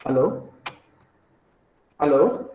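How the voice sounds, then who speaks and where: A man's voice: very slow, dark tone. A hesitant, deferential male student being examined over a video call, his voice dropping out as the call breaks up. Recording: lo-fi echoey call line, faint noise.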